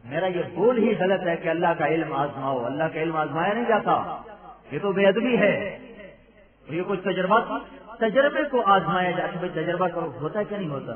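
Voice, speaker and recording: A man's voice: high-pitched, expressive. A man preaching an emotional sermon, pleading with his listeners, asking questions and reciting Arabic verses. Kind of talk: impassioned sermon. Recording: echoey, distant, phone-like lo-fi sound.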